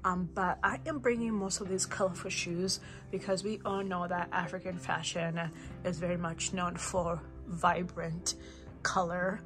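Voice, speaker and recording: A woman's voice: fairly low pitch, steady tone, measured pace. Young zambian-born woman vlogging in her bedroom, chatty, lots of ums and giggles, faint music behind. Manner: chatty, laughs often, many fillers and restarts. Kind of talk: casual vlog chat while packing. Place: bedroom at home.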